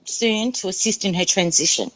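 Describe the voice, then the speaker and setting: A woman's voice: mid-range voice, normal speed, a bit bright, lightly acted, poor audio. A woman voicing two mocking demonic women posing as nurses, speaking in a taunting, sneering way.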